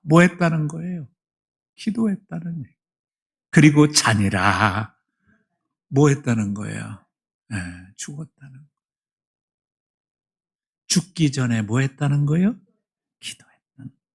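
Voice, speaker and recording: Gravelly middle-aged pastor preaching emphatically. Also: male voice, a little high, lively intonation, normal speed, long pauses. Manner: emphatic preaching, swings from hushed to loud. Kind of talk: sermon. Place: church sanctuary.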